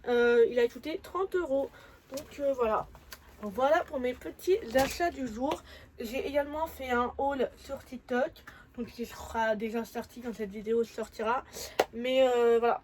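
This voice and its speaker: A woman's voice: a little high, unhurried, background noise. A young woman chatting casually in a travel vlog, full of fillers and self-corrections. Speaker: vlogger.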